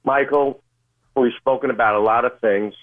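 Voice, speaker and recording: Halting man calling in by phone. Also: medium pitch, steady tone. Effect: phone call on radio. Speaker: caller. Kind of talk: call-in radio. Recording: tinny phone line.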